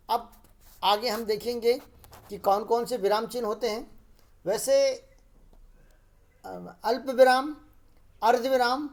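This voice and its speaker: A male teacher from Madhya Pradesh walks through a grammar lesson at a steady classroom pace. He speaks slowly and deliberately, pausing and rephrasing each definition so it sinks in. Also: extremely high pitch. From Madhya Pradesh, India. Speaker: school teacher.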